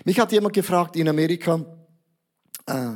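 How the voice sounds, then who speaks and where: A man delivers a sermon as pastor. He preaches in a lively way, building his points from homely examples and sprinkling English words into his speech. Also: fairly high pitch, normal speed.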